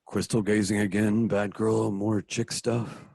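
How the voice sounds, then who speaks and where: A man voicing Batman, a stern, measured adult male crime fighter, in a home-recorded radio play. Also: lowish voice, level tone, gravelly, a little mellow, breathy edge, full character voice. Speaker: voice actor in an online radio play.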